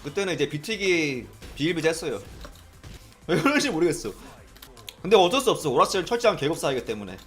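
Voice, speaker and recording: A young Korean man tells old stories in a casual chat. His voice is a bit high and swings up and down a lot, and faint music plays under it. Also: fast. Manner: animated, mimics people in quoted lines, laughs often. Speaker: streamer recalling arcade days.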